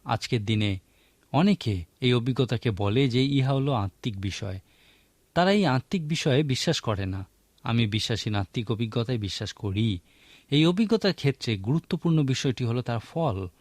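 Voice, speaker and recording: Man, preacher, earnest sermon, rhetorical questions, medium pitch, dry recording. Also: expressive, normal speed, no room sound.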